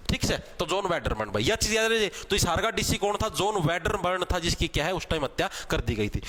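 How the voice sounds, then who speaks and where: A man's voice: high voice, a bit bright. A young man with a Haryanvi accent teaching an exam class, chatty and joking, calling his students brother. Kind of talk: live online class with memory tricks.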